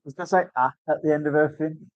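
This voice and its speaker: A man swaps crude, mocking banter while working in a tattoo studio, his voice sitting fairly high. The sound is dull and lo-fi. It is dry, with no room echo. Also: little pitch movement, quick pace. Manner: sweary, joking, mocking. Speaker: tattoo artist. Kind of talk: casual workshop banter.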